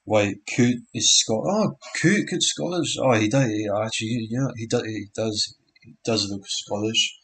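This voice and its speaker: A man's voice: fairly low pitch, level tone, a little slow, fairly bright tone, a little hiss or hum. A young man casually commenting on a live match stream, often unsure of players' names and correcting himself. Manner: unsure, self-correcting, frequent restarts and fillers.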